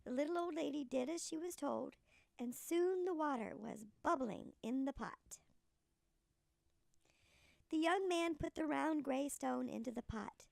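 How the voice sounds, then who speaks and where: A woman narrating a storybook tale in a sweet old lady manner, with a deliberate read-aloud cadence. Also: high-pitched, creaky, dry recording, clean studio sound.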